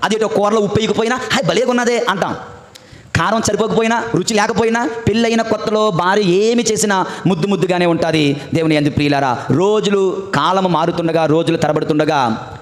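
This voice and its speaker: A man's voice: high voice, fairly quick. A man who is a priest, preaching a sermon with stories and repeated refrains. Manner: storytelling preacher with repeated refrains and call-and-response. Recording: echoey church hall.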